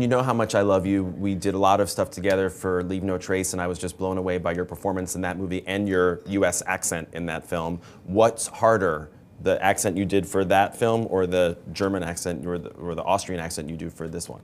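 A low-voiced man interviews actors at a press event, friendly and quick to laugh. Faint noise sits under his voice. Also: steady tone.

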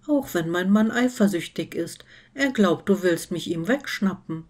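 A woman's voice: lowish voice, animated, unhurried, darkish tone. A woman voicing a dreamy, blunt witch in a storybook reading, speaking in a light, offhand way. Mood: breezy. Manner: offhand, light, matter-of-fact.

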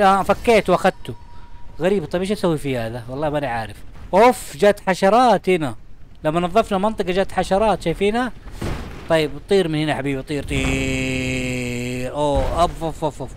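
Fast-talking man narrating a game. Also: fairly high pitch, a little hiss or hum. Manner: chatty and excitable, talking to the game and its items. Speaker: gaming channel host. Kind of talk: let's-play commentary.

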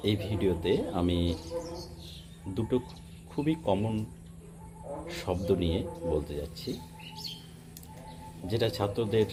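A man's voice: fairly low pitch, slow pace, long pauses, crowd noise. A man with a Bengali accent teaching English pronunciation, spelling words out letter by letter and explaining them with care. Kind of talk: pronunciation lesson.

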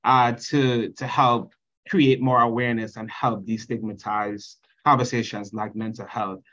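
A Trinidadian man in his thirties presents at a conference over a video call, earnestly reading slide text and then explaining it. His voice is lowish and a bit bright, with the highs cut off.

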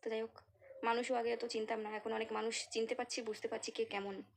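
A woman's voice: fairly high pitch, little pitch movement, quick pace, creaky. Chatty young Bengali woman, noisy room. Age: young adult. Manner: chatty, confiding, tired. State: feeling unwell. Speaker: vlogger. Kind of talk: casual home vlog chat. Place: home kitchen and courtyard.

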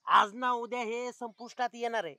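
A woman's voice: a little high, fairly even intonation, pushed and bright, no room sound, clean studio sound. A woman playing a young village man who rambles and philosophizes in a comedy skit. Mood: musing. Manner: preachy, drawn-out musing.

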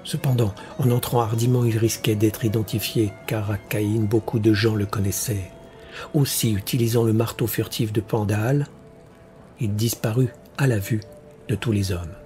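Measured male audiobook narrator. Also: on the low side, steady tone, dark tone, faint music behind. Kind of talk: scripted fantasy narration.

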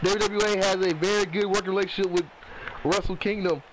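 High-pitched male wrestling commentator, noisy background. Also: steady tone. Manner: exclamatory, drawn-out reactions. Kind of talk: wrestling commentary over a video game match, reacting casually. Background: video game wrestling arena sounds.

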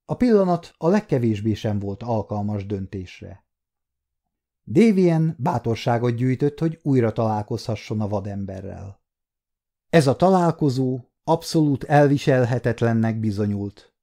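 A man reading an audiobook in a steady, measured manner as scripted narration. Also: mid-range voice. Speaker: audiobook reader.

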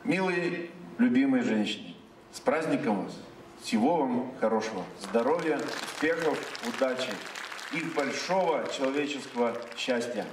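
A man's voice: medium pitch, lively intonation, normal speed. Man giving a speech in an echoey hall. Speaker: head of town district giving greeting. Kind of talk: congratulatory public speech. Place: large theatre stage, indoors. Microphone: handheld stage mic, heard from a far camera. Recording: echoey hall from far off, faint noise.

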